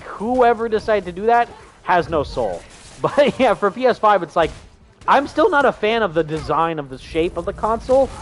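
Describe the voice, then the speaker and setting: A man's voice: fairly high pitch, a little hiss or hum. A young man hosting a gaming livestream, chatting casually and reading viewer comments in an enthusiastic, rambling way full of fillers. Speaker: livestream host.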